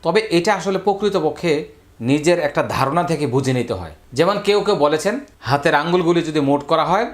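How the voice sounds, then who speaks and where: A Quran reading teacher giving a step-by-step recorded lesson, drilling letter sounds in slow, repetitive chants and stretching vowels to show their length. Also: medium pitch.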